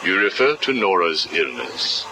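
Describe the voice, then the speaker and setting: A deep, cold psychiatrist on hissy tape. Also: male voice. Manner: calm, slow, coolly menacing. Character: cold, probing male prison psychiatrist. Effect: played from a hissy interview tape recording.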